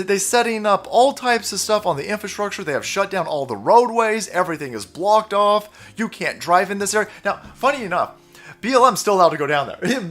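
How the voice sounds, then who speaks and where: A man's voice: high voice, a bit bright. A man giving a casual, profane and sarcastic political rant while commenting on images. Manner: profane, sarcastic, frequent laughs.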